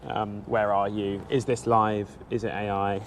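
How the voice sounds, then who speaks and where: Stopped at a café outdoors in central London, a thirty-something British motorcycle vlogger talks to his live-stream viewers in a casual, self-deprecating way. He speaks a little slowly, with a fairly low pitch and little pitch movement, into a small helmet-mounted action-camera mic that picks up a little hiss or hum.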